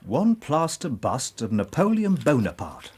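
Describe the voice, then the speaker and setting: Inspector Lestrade, animated policeman. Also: medium pitch, measured pace, slightly rough, exaggerated voice. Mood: matter-of-fact. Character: modest, dogged male Victorian police inspector. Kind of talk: radio drama acting.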